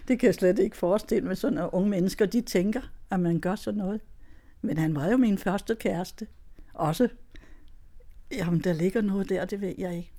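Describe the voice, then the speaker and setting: A woman's voice: mid-range voice, long pauses, warm tone. Older woman, chatty storyteller, laughs often, restarts a lot. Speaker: guest telling her story. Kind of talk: casual storytelling.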